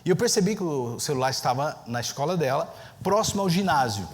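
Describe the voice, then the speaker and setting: A man preaching a sermon as pastor, telling a story with lively pacing and acting out the people he quotes. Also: fairly high pitch, brisk. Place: church sanctuary. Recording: long church reverb, faint ambient noise.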